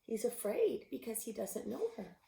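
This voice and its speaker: A woman reading a picture book aloud, expressive, sometimes dropping to a whisper. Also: fairly high pitch, moderate pace, creaky. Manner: expressive, with gasps and animal sounds; drops to a whisper at tense moments. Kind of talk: storybook read-aloud. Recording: roomy echo.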